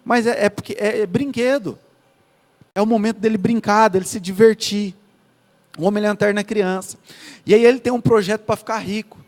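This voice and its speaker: A man's voice: high-pitched, fairly even intonation, brisk, darkish tone, in a large hall. A man with a Brazilian Portuguese accent preaching to couples in a church, telling folksy stories and acting out what spouses say to each other. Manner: folksy storytelling, acts out dialogue between spouses.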